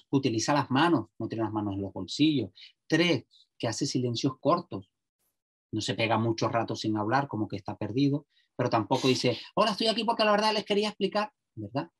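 A middle-aged man, a social educator giving a lively workshop talk to parents and often checking in with the audience. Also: mid-range voice, slightly rough.

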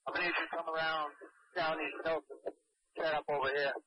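A man's voice: fairly high pitch, little pitch movement, brisk, muffled recording. A man giving terse, directive orders as a firefighter over a two-way radio. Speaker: firefighters on scene, commanding and responding. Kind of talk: fireground radio traffic. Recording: very noisy fireground radio audio.

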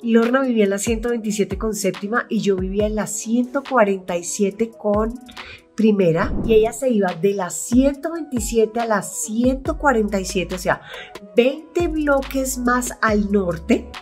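A woman's voice: a little high, a little slow, darkish tone, faint music behind. A middle-aged woman with a Colombian accent, an actress hosting her own video channel, telling rambling behind-the-scenes stories and acting out what she said back then. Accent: Colombian (Bogotá). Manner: rambling, chatty, acts out her own past voice. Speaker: actress and YouTube host. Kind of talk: casual storytelling vlog.

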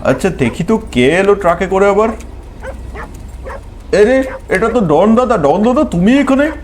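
A man plays a scrappy cartoon-style talking dog with a high voice, boastful and protective of his turf. Faint noise sits under the game audio. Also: animated, a little slow.

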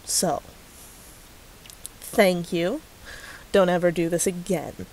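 A woman's voice: lowish voice, slow, darkish tone, a little hiss or hum, poor audio. A woman vlogging to a commenter, sarcastic and profane, often breaking into laughs. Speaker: YouTuber responding to a commenter. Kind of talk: casual ranting vlog.

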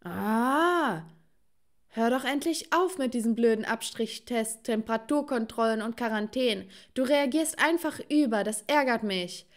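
A woman voicing an angry, fed-up older teenage brother who shouts in an animated story. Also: fairly high pitch, measured pace.

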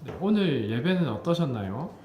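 An actor playing a polite, hesitant producer who speaks in a mid-range voice and softens every request. The voice echoes through a roomy space, with faint noise behind it. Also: medium pitch, very animated, normal speed, lightly acted. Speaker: TV producer figure in skit.

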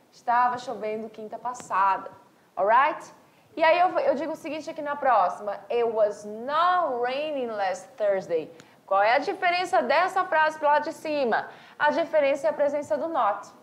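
A woman from Brazil teaching an English class, explaining step by step with rhetorical questions and reading examples slowly. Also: fairly high pitch. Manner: asks rhetorical questions and answers them. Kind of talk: recorded online class for high school.

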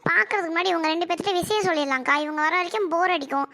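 Brief: younger daughter-in-law, voiced by a woman, squeaky, piercing and whiny. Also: very fast, sharp tone, full character voice. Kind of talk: cartoon voice acting.

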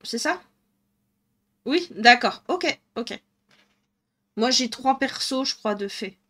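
A woman's voice: a little high, expressive, takes it slowly, fairly bright tone. A woman with a northern French accent streaming live, chatting casually and thinking aloud as she colours, laughing often. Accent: northern French (ch'ti).

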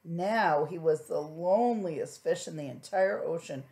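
In a lowish voice and at a slightly slow pace, a middle-aged woman reads a storybook to small children the way a preschool teacher would, slipping in soft questions for them.

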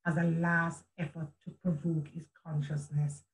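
A low-voiced woman, an author appearing as a guest, tells a story during a video call interview from a room at home with a chandelier. Her delivery is flat and at normal speed, earnest and reflective, with many restarts and quoted speech. The webcam audio carries background noise.

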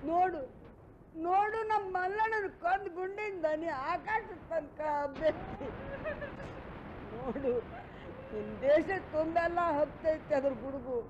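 A woman's voice: very high-pitched, background noise. An actress playing a grieving village mother in a radio drama, wailing and tearful. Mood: proud. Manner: wailing, tearful, slow and heavy. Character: grieving village mother Narasamma, proud of martyred son. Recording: muffled radio recording with music.

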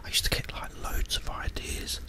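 A middle-aged man whispering a hesitant, rambling ASMR chat into a close microphone while eating crunchy fried chicken. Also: moderate pace. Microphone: close desk microphone with foam windscreen.

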